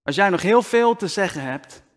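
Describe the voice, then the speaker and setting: A man's voice: high-pitched, animated. Man preaching a sermon in a reverberant hall. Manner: slow deliberate preaching, dropping to near-whispers for emphasis. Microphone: microphone.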